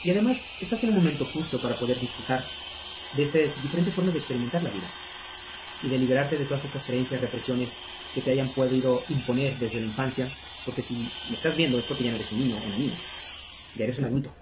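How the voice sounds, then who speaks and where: A man's voice: mid-range voice, fast talker. A middle-aged man, hosting a video and explaining things casually to viewers. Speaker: video host. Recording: clear background noise.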